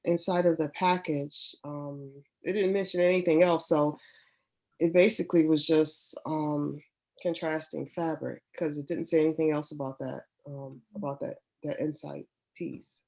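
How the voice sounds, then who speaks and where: A woman's voice: low voice, fairly even intonation, normal speed, gravelly, darkish tone. A woman with a congested, stuffy-sounding voice, chatting casually in a lax, hesitant, trailing way. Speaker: sewing group member showing her projects. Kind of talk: casual chat.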